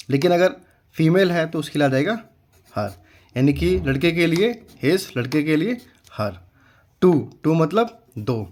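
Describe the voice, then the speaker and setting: Patient man spelling out English words. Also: fairly high pitch. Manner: slow, patient spelling out letter by letter; repeats words, checks in with frequent "okay". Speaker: English teacher. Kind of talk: Hindi-language English reading lesson.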